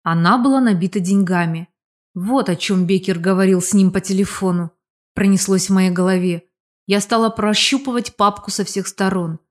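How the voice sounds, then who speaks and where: A woman's voice: mid-range voice, steady tone, normal speed. Woman narrating an audiobook steadily. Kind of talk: first-person audiobook narration.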